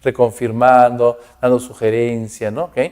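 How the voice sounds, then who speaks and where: Warm-voiced teacher, lots of "ok?". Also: male voice, mid-range voice, monotone, unhurried, smooth. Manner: explanatory, many "ok?" and "¿no?" tag checks; reads English examples aloud with acted intonation. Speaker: English teacher. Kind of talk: online class lecture in Spanish.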